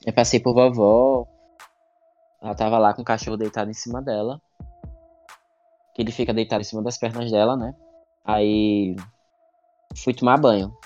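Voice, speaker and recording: A man's voice: on the low side, flat delivery, normal speed, pauses often, a little mellow. A man telling a ghost story in a rambling, casual way, with many fillers and some laughter, as a guest on a podcast. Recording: dull lo-fi sound with faint music.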